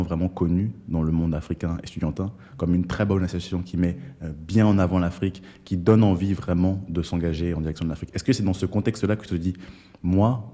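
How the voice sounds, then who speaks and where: Low, mellow-voiced man interviewing. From Togo. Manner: hesitant, many fillers and restarts. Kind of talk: conversational interview.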